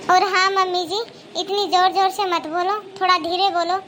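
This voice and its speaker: A woman's voice: very high voice, little pitch movement, normal speed, slight background noise. Woman voicing a meek, polite young daughter-in-law. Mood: pleading. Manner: polite, pleading, soft-spoken. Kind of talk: cartoon moral-story dialogue.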